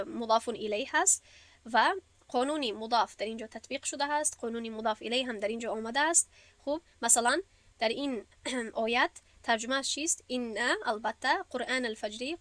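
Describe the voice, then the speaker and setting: A woman teacher walks through a grammar lesson with patient, step-by-step explanations. Her voice sits a little high. She is recorded dry and close, with almost no room sound. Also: fairly bright tone, no echo. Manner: patient, step-by-step explaining, recites verses slowly. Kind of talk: classroom lesson.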